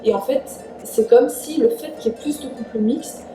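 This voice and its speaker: Mellow-voiced Iranian-born woman, echoey room. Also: fairly high pitch, moderate pace. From Iran. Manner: earnest, chatty, frequent "en fait". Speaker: vlogger. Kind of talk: casual advice vlog. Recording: echoey room, distant mic, faint music.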